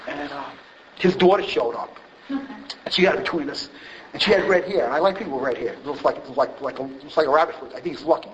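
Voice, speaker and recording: A man's voice: fairly high pitch, fast talker, fairly bright tone. A man telling a rambling, self-deprecating personal story about his drinking, full of fillers and restarts. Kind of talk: personal recovery story told to a group. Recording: dull lo-fi recording, faint hiss.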